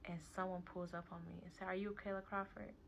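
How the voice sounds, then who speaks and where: A woman's voice: on the low side, level tone, fast, vocal fry, fairly bright tone. A young woman telling her own story in a casual storytime vlog, candid and emphatic, with slangy talk and free swearing. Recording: slightly dull lo-fi audio with faint background hiss.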